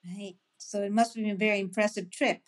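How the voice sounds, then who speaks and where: A woman's voice: medium pitch, brisk. A woman hosting a food podcast, reading a prepared introduction and then asking her guest questions. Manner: steady, reads a prepared introduction, then asks short questions. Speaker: podcast host.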